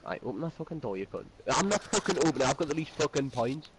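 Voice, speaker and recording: Cursing young gamer on noisy chat. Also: male voice, on the high side, sing-song, quick pace. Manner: curses at the game, short retorts. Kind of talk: casual gaming chat with friends.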